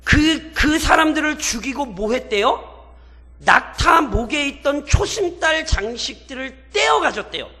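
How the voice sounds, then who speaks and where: A man with a high, bright voice preaches a sermon in a church sanctuary. He keeps asking his listeners questions and slips into colloquial, mocking quotes as he retells scripture. His voice rings out in a long hall echo. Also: lively intonation, a little slow. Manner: expository preaching with rhetorical questions to the congregation; acts out biblical characters in mocking colloquial quotes. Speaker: pastor. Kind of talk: sermon at a midweek prayer service.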